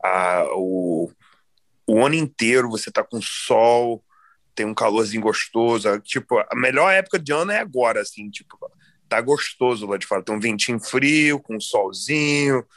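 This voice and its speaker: A young man from Brazil, a guest on a podcast, chatting in a relaxed, rambling way. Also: mid-range voice, normal speed, no room sound. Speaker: podcast guest, jiu-jitsu athlete. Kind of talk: casual chat.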